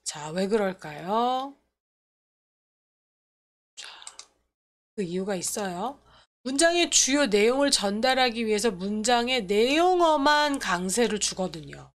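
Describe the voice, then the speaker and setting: A woman's voice: medium pitch, expressive, slow, long pauses. A woman teaching English pronunciation and grammar in an explanatory lecture, restating each point and opening sentences with "so". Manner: explanatory, repeats points, starts lines with "so".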